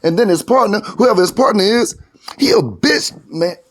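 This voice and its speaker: A man's voice: high-pitched, expressive, normal speed. A man co-hosting a casual commentary video, talking in an indignant, slangy, loose way. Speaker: co-host.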